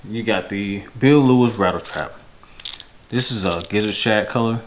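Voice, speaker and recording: A man in his thirties speaks at a moderate pace in a lowish voice, giving relaxed, unscripted fishing-vlog product tips to camera and correcting himself. He is in a home room with windows, captured on noisy camera audio with a roomy sound.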